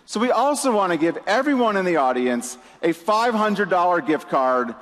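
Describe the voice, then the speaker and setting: In a big, echoing conference hall with an audience present, a male keynote presenter gives an energetic talk. His high, somewhat bright voice swings widely in pitch while keeping a normal pace. The delivery is emphatic, sprinkled with an occasional "you know."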